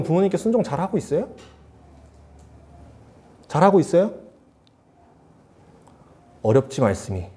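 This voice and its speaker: A man's voice: on the high side, warm tone. A young man teaching at a youth church service, talking casually and asking the students questions. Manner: chatty, asks the students questions. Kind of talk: youth sermon.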